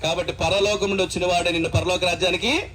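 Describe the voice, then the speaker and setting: A man preaching a gospel sermon at a funeral in church, asking rhetorical questions and rising to shouts. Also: high-pitched, fairly even intonation, fast talker, rough recording.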